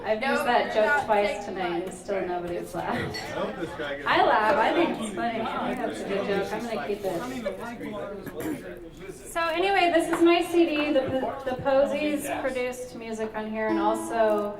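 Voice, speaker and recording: A woman in her late thirties works a small pub stage with a rambling, self-mocking set, her voice sitting a little high. She is picked up from a distance in an echoey room. Loud crowd chatter fills the space behind her. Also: expressive, normal speed. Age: 30s. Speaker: stand-up comic. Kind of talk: stand-up comedy set.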